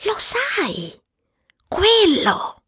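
Female narrator playing a timid, giddy confidante; high, breathy, swooping, dry close read. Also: huge pitch swings, measured pace, no echo, exaggerated voice. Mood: hesitant. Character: shy, giddy, excitable woman confiding secrets. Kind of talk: audiobook character voice.

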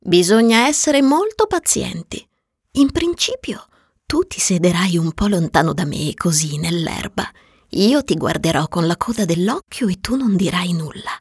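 A woman voicing a gentle, lonely, wistful female fox in a storybook reading, soft and patient, sometimes whispering, on a dry close mic. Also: mid-range voice, very animated, a little slow, husky, dry recording, pitched above the performer's own voice, heavily acted.

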